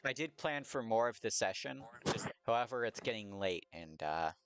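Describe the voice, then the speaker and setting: A man's voice: on the low side, lively intonation, normal speed, a bit bright, clean tone, no room sound, soft background music. A man running a tabletop game as game master, teasing his players dryly and slipping into a mock-formal tone.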